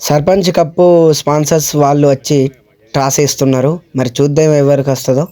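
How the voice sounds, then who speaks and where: A man's voice: fairly high pitch, steady tone, fast, mellow, no echo. A man with a Telangana Telugu accent narrating a local tournament vlog in a casual way. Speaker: vlogger presenting a local tournament.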